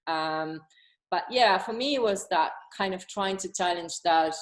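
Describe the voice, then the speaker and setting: Low-voiced woman from Argentina. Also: unhurried, low-quality recording. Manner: hesitant, searching for words, with many restarts. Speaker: graphic designer and publisher. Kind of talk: casual online talk. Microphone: video call.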